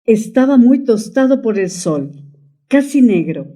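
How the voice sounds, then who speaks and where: A woman reads an audiobook in a measured, dramatic manner. Her voice is very dark and mellow. It sounds set back from the mic. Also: a little high, big pitch swings, recorded from a distance. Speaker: audiobook narrator. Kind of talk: audiobook narration.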